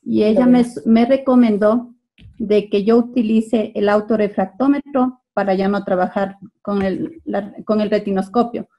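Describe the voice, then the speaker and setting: An Ecuadorian woman speaking up on a video call. Her voice is dark and mellow, at a middle pitch. She talks with many hesitant pauses. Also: steady tone, dull audio. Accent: Ecuadorian Spanish. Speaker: optometrist asking a question in a webinar.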